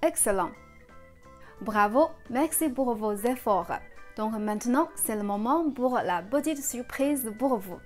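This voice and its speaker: A woman gives a beginner language lesson in a slightly high voice, speaking unhurriedly and clearly. She coaches patiently and encourages viewers to repeat after her. Faint music plays underneath. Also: animated, slow pace. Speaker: Chinese language teacher. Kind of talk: step-by-step pronunciation lesson.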